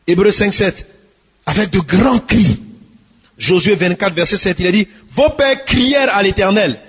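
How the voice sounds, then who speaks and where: A man preaching a sermon as a pastor, swinging between hushed pleading and shouted exhortation, with a husky voice. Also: high voice, long reverb tail.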